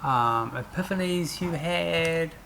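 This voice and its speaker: A woman's voice: deep voice, slow pace, noisy background. A woman hosting a casual interview, asking her co-host questions in a hesitant way with many ums.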